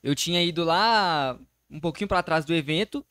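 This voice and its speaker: A young man, a guest in a casual interview, relaxed and quick to laugh as he chats in slang. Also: a little high, clean tone, no echo, clean studio sound. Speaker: guest, comedy content creator.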